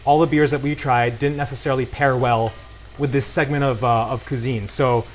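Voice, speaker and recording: At a cooking demonstration, a man appears as a guest cook and beer brand co-founder, chatting in a casual, enthusiastic, promotional manner. His medium-pitched voice stays steady at a normal speed, and the frying and sizzling of a pan are clearly audible.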